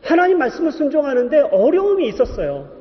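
A man in his thirties, a pastor preaching a testimony, telling his story in an animated way and acting out the voices in it. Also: extremely high pitch, fast. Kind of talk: sermon testimony. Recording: dull echoey hall recording.

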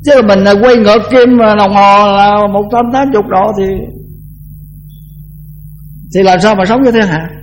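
An older man, a Buddhist monk, giving a conversational dharma talk that often repeats words and slows down to chant verses. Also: high voice, soft background music, poor audio.

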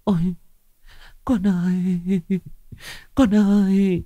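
Man doing a shrill, wailing village mother. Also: level tone, extremely slow, warm tone. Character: terrified wailing middle-aged village mother.

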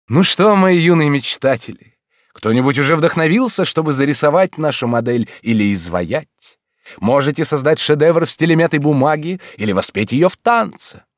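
A man's voice: a little high, animated, moderate pace, no room sound, studio quality, pitched above the performer's own voice, lightly acted. A man voicing a dreamy, eccentric middle-aged male art teacher who drawls each word blissfully.

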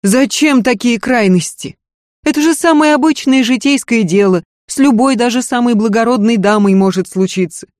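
Brief: frightened high-voiced maid, timid and pleading, read by a woman, dry close read. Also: normal speed, a little mellow, no echo, lightly acted.

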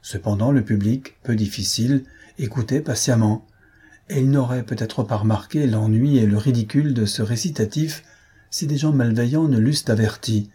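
Husky, mellow male audiobook narrator. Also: medium pitch. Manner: measured, phrase by phrase. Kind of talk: literary audiobook reading.

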